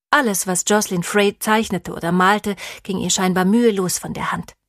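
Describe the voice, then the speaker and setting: A calm woman narrates an audiobook from a script in a medium-pitched voice. The sound is clean studio quality with no echo.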